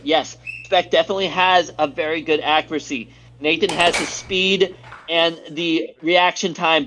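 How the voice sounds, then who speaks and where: A man's voice: high-pitched, fairly bright tone, a little hiss or hum. An American man doing live play-by-play commentary on a stream, reading viewer chat aloud between plays in an upbeat way.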